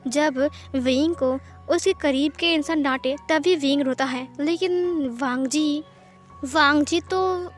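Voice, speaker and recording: A woman narrating a fan fiction story, reading it in a plain storytelling manner. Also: sits high. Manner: plain storytelling with many speech tags.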